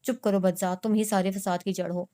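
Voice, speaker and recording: A woman reads a harsh older mother-in-law from a storybook, scolding in a sharp, cutting way. The voice stays clear and smooth, with a level pitch. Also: flat delivery, close to an everyday voice.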